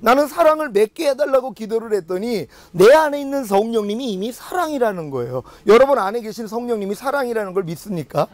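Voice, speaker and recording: A man's voice: very high-pitched, sing-song, fast talker, hardly any pauses. A middle-aged man preaching a sermon as a pastor, acting out little dialogues with God and his listeners.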